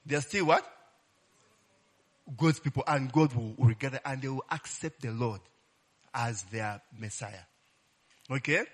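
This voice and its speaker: With a mid-range voice, this preacher takes his time and pauses frequently during a casual Bible lesson. He uses call-and-response, keeps adding "eh?" to his phrases, and shouts "Glory be to God" and "Hallelujah".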